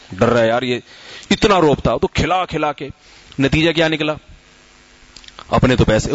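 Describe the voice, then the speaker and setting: A man's voice: mid-range voice, dry recording. A middle-aged man giving a conversational religious talk as a scholar and teacher, explaining with homely examples and asking his listeners questions. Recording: slightly muffled, dry lo-fi recording.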